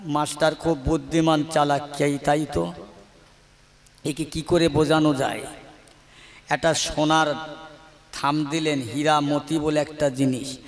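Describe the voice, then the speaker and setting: A man's voice: a little high, level tone, a little slow, pauses often. A male preacher telling a story in a sermon, earnest and speaking straight to his listeners. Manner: earnest, addresses listeners directly. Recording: long hall reverb.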